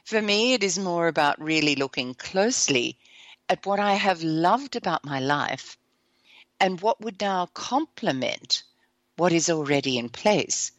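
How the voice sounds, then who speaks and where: An enthusiastic woman hosts a self-help show, her slightly croaky voice set a little low. She talks slowly with a lively, swooping pitch. The sound is dry and close. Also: no echo. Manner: enthusiastic, bursts into whoops and laughs. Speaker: host.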